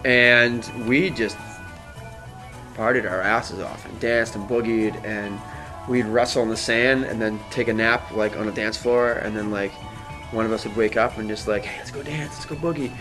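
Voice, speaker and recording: A man telling a long personal story as a guest, halting and rambling with many fillers and restarts. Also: on the low side, fairly even intonation, music in the background, low-quality recording. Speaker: interview guest. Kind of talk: casual storytelling.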